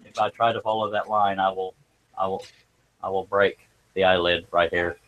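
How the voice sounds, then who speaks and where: A man's voice: low voice, phone-quality sound. A man chatting casually as he hosts a workshop livestream, folksy and joking in manner. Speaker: livestream host, scroll saw craftsman. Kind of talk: casual live chat while working.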